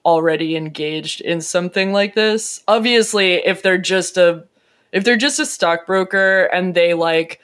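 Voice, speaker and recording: An animated podcast speaker in a relaxed political chat. They talk playfully and race ahead in quick bursts. The pitch sits in a middle range.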